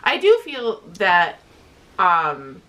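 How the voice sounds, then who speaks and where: A woman's voice: fairly low pitch, huge pitch swings, a bit bright. Enthusiastic woman in casual book chat. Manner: enthusiastic, informal, halting and repeating herself. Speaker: co-host of a book review show.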